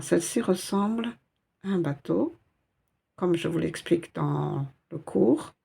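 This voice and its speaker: A woman's voice: lowish voice, vocal fry, mellow, slightly rough. A woman teaching a step-by-step Arabic reading lesson in French, patient and explaining each letter and sound.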